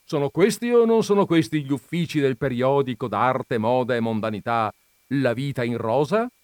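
A man's voice: fairly high pitch, expressive, a little slow, dry recording, voice pushed up. A man doing a stubborn, insistent visitor. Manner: phlegmatic yet emphatic, pressing questions. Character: calm, stubborn male visitor, insistent and smug. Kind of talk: audiobook reading of a comic story.

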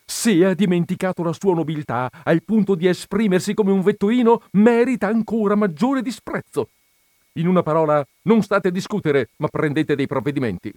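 A man's voice: sits high, normal speed, darkish tone, dry recording, clean studio sound, voice pushed up, close to an everyday voice. A man voicing a fussy, indignant older widow of a colonel, in a raised, sighing voice.

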